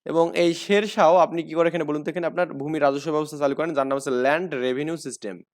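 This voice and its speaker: Quizzing Bangladeshi male tutor, somewhat high voice. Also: steady tone, fast talker. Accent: Bangladeshi Bengali. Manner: asks questions and answers them himself; repeats key facts, frequent fillers. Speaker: exam-prep teacher. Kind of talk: explaining lecture.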